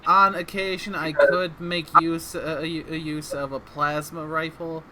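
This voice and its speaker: Higher-voiced man, eager player. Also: little pitch movement, a little slow, sharp tone, a little hiss or hum, rough recording. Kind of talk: tabletop game chat.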